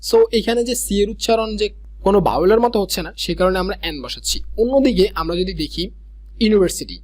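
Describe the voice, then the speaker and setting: A young man teaching a grammar lesson, explaining step by step and reading English examples slowly. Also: high-pitched, lively intonation. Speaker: grammar tutor.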